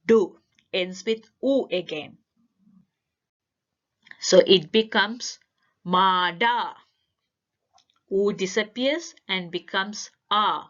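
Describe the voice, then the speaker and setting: A woman teaches a language lesson, laying out each grammar rule slowly and deliberately, often pausing to spell out single sounds. Her voice sits at a middle pitch. The recording is a little dull and lo-fi. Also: bright, forceful tone. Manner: careful, deliberate word-by-word delivery. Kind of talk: slow instructional explanation.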